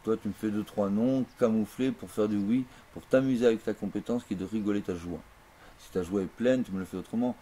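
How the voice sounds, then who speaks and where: A man giving a grandiose, declamatory mystical monologue in an interview, slow and emphatic. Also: fairly low pitch, mellow, slight background noise.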